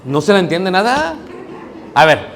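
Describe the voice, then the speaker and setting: A man's voice: sits high, sing-song, a little slow, a bit bright. A male preacher teaches a sermon class. He asks his congregation questions and acts out the voices he quotes.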